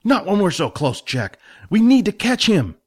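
A man's voice: sits high, very animated, moderate pace, a little mellow, pitched above the performer's own voice. A man doing an earnest young barbarian. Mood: insistent. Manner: earnest and insistent. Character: eager young male barbarian, earnest and stubborn.

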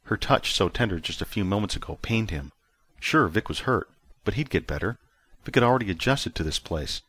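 A man narrating a science fiction story that he wrote, in steady, plain storytelling. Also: on the low side, brisk, slightly rough. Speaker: author and narrator.

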